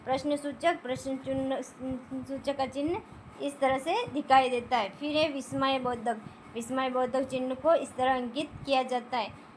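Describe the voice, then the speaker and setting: A woman's voice: high voice, a little hiss or hum, poor audio. A woman teaching a grammar lesson, asking questions and repeating the answers to drill each point.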